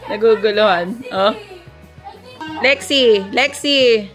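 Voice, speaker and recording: A woman's voice: on the high side, takes it slowly, over music. A young mother vlogging her kids, cooing baby talk and mixing English into her speech. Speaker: mother vlogging family life. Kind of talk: casual family vlog.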